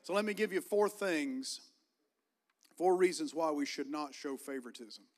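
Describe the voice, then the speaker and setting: Virginia-accented preacher with a higher voice. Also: male voice, normal speed. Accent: Virginian Southern. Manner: preaching with call-and-response, rising fervor. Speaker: pastor. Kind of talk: sermon. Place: church sanctuary.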